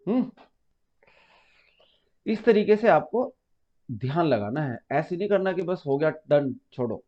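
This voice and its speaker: A man teaching an exam-prep grammar lesson, patiently explaining step by step, repeating key terms and calling students "beta.". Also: fairly high pitch. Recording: muffled lo-fi recording.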